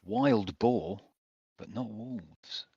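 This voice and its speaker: A man's voice: on the low side, drawn-out words, gravelly, mellow, breathy edge, dry recording. A man, a player in a tabletop role-playing game, talking bluntly. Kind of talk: tabletop role-play chat. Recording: dull lo-fi mic.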